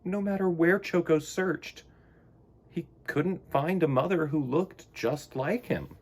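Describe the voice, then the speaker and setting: A man hosting a children's storytime, reading and talking in a theatrical, expressive way. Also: on the high side, slow. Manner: theatrical, exclamatory.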